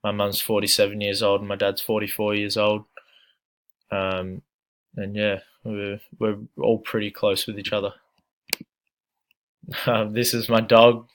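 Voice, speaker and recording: A young adult Australian student introduces himself in a relaxed, casual manner, hesitating often on fillers. His voice is low and stays fairly flat in tone.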